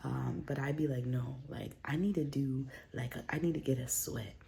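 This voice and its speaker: A woman records a casual, chatty vlog at home on her phone camera, her very low, gravelly voice mellow and dark. She rambles with plenty of fillers and restarts at a moderate pace and fairly even intonation, sounding a bit congested from a recent cold.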